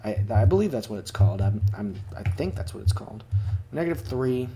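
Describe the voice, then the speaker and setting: Mellow-voiced man narrating his gameplay. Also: fairly low pitch, very animated, brisk, a little hiss or hum. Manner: chatty, self-deprecating, talks to his cat. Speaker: gaming YouTuber. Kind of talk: casual gameplay commentary. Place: home room.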